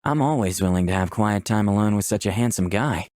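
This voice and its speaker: Someone with a low, darkish voice speaks briskly in a studio-quality recording with no echo. Playing through a visual novel, they read the protagonist's lines and the narration aloud in a playful, flirtatious way.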